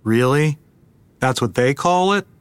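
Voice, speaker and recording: A man's voice: medium pitch, expressive, measured pace, clear, resonant tone, no room sound, natural voice. A man playing a laconic, slightly impatient husband in an audio drama, with wry, clipped replies.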